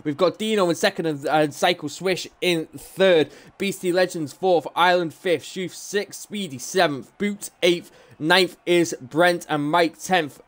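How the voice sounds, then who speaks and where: Man, race commentator, slightly high voice, chatty, upbeat. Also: a bit bright. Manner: chatty, upbeat, rattles off grid lists. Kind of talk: live sim-racing commentary.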